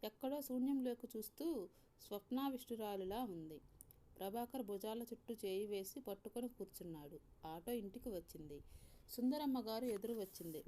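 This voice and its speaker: Mellow-voiced woman reading a story. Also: medium pitch, a little hiss or hum. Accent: Telugu. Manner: calm, measured reading with soft voiced dialogue. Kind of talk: scripted story narration.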